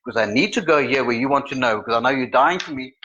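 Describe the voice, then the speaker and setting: Middle-aged man, trainer type, bright and lively delivery, acts things out. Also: medium pitch, quick pace. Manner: animated, acts out examples in voices. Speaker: personality trainer. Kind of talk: live-streamed lesson. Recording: slightly muffled sound.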